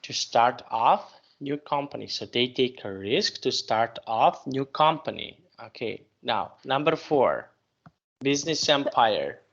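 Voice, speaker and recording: A man's voice: mid-range voice, very animated, a little slow, vocal fry, fairly bright tone, dull audio. A man teaching English online, patiently prompting his student and correcting her sentences.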